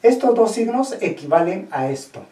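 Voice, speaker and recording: A teacher explains a language lesson in a mellow, warm voice that swings up and down with emphasis. The teacher checks understanding with questions to the class and restates each point. The recording carries a noticeable roomy echo. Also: medium pitch, very animated, normal speed. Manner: asks the class questions and repeats key points.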